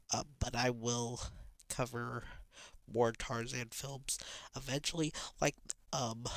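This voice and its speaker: Man, nasal sick voice, unhurried, full of ums, dry recording. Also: medium pitch, a bit bright, no room sound. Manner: rambling, many ums and restarts. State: nasal and sickly from illness. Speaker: film reviewer. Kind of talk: casual review chat.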